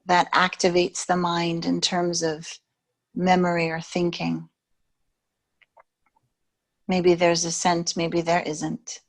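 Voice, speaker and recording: In a fairly low voice, a woman who teaches yoga walks listeners through yoga nidra, keeping a gentle, leisurely pace and leaving long silences between her words.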